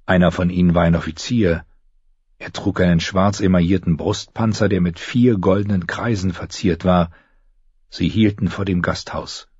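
A man narrating an audiobook in a measured, even storytelling voice, close to the mic. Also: sits low, slightly rough, dry recording, lo-fi sound. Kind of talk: scripted narration.

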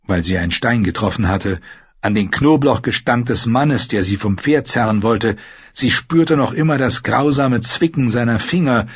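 A man narrating a novel as an audiobook in a steady, measured reading. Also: mid-range voice, husky, no echo, highs cut off. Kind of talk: scripted narration.

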